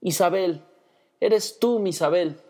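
A man voicing a gloomy bearded wanderer of about thirty who talks in a brooding, halting way, in a read-aloud story. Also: medium pitch, mellow, big-room sound, natural voice. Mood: overwhelmed.

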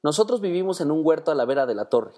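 A man's voice: a little high, very animated, fast talker, warm tone, voice pushed up. A man voicing a fierce, loyal young male servant who talks eagerly and bluntly, in a read-aloud story.

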